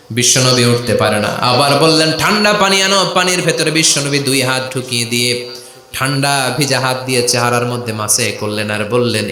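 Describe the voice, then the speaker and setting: A man preaching a sermon, telling stories dramatically, swinging from loud wailing to low murmurs and calling on the crowd to answer. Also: reverberant. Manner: dramatic storytelling, rising to loud wails and dropping low; calls on the crowd to respond. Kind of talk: Bengali waz sermon.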